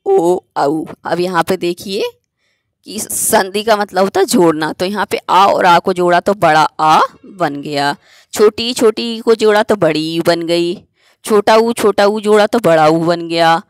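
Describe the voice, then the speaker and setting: A woman's voice: lowish voice, no echo. A woman teacher giving a grammar lesson, explaining step by step and asking herself questions before answering them.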